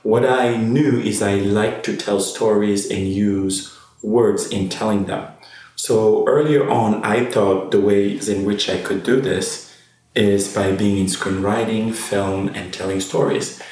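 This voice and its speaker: A man's voice: fairly low pitch, steady tone, slow pace, a little mellow. A man, a fashion designer, speaks reflectively in an interview, searching for his words. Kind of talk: interview conversation. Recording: echoey room, voice from far off the mic.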